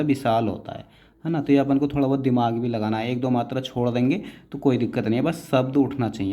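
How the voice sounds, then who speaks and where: A man's voice: medium pitch, dark tone. A man teaching shorthand step by step, patiently breaking words into syllables and strokes and calling his students "beta".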